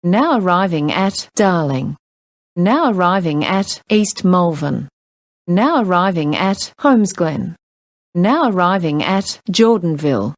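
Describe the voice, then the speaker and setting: Slow Australian woman announcing trains, spliced phrases. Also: on the low side, animated, no room sound. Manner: measured, formal, clearly separated phrases. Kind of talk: pre-recorded public transport announcements.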